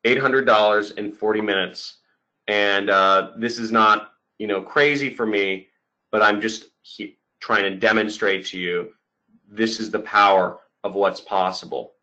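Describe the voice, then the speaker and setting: Man, bright forceful voice, slightly low pitch, webinar sales pitch, emphatic, repetitive on key points. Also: fairly even intonation, unhurried, muffled recording. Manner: emphatic, repeats key points, often checks in with "okay". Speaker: online marketing coach and presenter.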